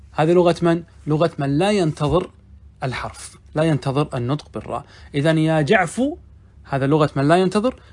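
A man with a fairly high voice gives a classroom grammar lesson. He keeps asking his listeners questions and answers them himself. When he reads passages from the text, he slows down to a careful, deliberate pace. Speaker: sheikh teaching Arabic grammar.

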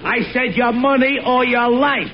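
Tough outlaw stick-up man, high-pitched. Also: steady tone, a little slow. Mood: impatient, threatening. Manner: tough, curt outlaw threats. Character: menacing, impatient male outlaw stick-up robber. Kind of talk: 1940s radio comedy acting. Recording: noisy muffled 1940s radio, crowd behind.

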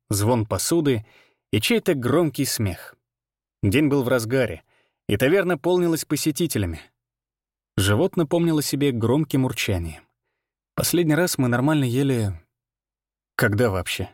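A man narrating a fantasy novel in the first person, reading in a steady, even storytelling manner. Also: medium pitch, no room sound, studio quality. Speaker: audiobook narrator.

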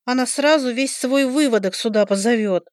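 A woman's voice: moderate pace, no echo, studio quality, lightly acted. A woman reading an audiobook, voicing a shy, anxious young woman who studies to be a healer, in a timid, pleading way. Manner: timid and pleading, voice lifting higher. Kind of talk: audiobook character voice.

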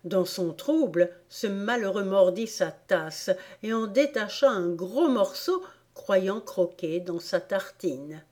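A woman reading a storybook aloud in a calm, unhurried way. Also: medium pitch. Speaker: audiobook reader. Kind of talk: storybook narration.

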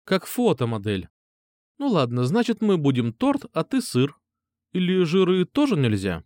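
A man's voice: a little high, huge pitch swings, moderate pace, a little mellow, no echo, clean studio sound, pitched above the performer's own voice. A man reading an audiobook, voicing a caring, chatty middle-aged mother in a raised voice. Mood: cheerful. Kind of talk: audiobook character voice.

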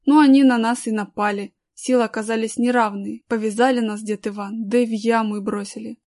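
Woman voicing a gruff, bossy tramp. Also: a little high, steady tone, a little fast, darkish tone, no room sound, studio quality, natural voice. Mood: urgent.

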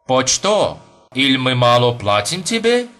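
Sly older tempter, light American accent, male narrator voicing him slow and bright. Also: mid-range voice, sing-song, soft background music. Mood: cool. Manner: slow, broken archaic speech. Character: sly grey-haired American man, smooth tempter.

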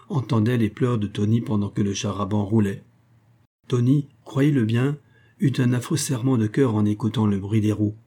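A man narrating a classic children's story in a measured, expressive storytelling manner. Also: fairly low pitch, breathy edge.

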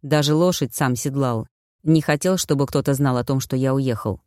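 A woman reading an audiobook, voicing an injured young nobleman, the narrator's brother, in a soft, subdued, tired way. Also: mid-range voice, moderate pace, clean tone, no room sound, clean studio sound, pitched below the performer's own voice, natural voice. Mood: weary, subdued.

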